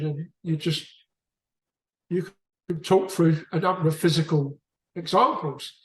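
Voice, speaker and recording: In a book club chat, a man from the UK with a British accent rambles casually and keeps restarting his sentences. His voice is a little high, and the poor-quality audio has a roomy sound.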